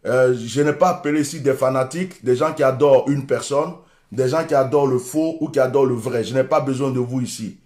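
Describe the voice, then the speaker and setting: A man's voice: medium pitch, brisk, a little mellow, reverberant. A man with an Ivorian French accent, a preacher giving an urgent, repetitive livestream address. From Côte d'Ivoire. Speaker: preacher hosting a live stream.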